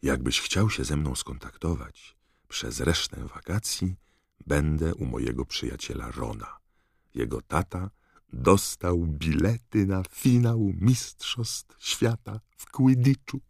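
Harry, read by a deep-voiced man, teen wizard. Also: takes it slowly, creaky, a little mellow, husky, dry recording, studio quality, exaggerated voice. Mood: friendly. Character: young teenage boy wizard, cheerful. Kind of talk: audiobook character reading.

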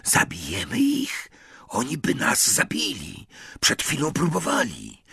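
A man voicing a blunt, jumpy teenage boy wizard in a spoken storybook, a little higher than his narration. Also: expressive, measured pace, slightly rough, no echo, studio quality. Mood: whispered fear. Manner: plain-spoken, grumbling.

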